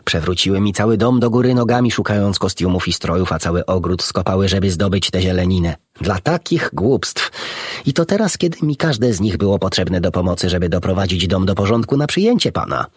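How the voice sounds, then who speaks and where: A man's voice: low voice, brisk, husky, dry recording, clean studio sound. A man voicing a stern, fussy female duck housekeeper in a storybook reading, scolding and worried.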